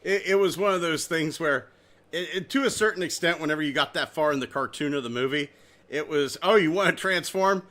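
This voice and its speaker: A man hosting a casual chat about toys, excitable and animated, swearing and joking as he talks. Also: a little high, quick pace. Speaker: podcast host.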